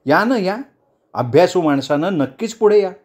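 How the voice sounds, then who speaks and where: Guy doing a bold woman politician from an audiobook, firing up a crowd, commanding, pitched up. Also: animated, normal speed, darkish tone. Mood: defiant. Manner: rousing public speech, commanding. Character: defiant woman council chair, fiery orator.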